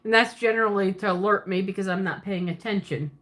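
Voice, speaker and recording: She talks fast in a medium-pitched, slightly bright voice. A woman from Pennsylvania with a Pennsylvania Dutch accent and a Southern twist, she hosts a livestream and answers viewers chattily and ramblingly, laughing often and self-correcting along the way.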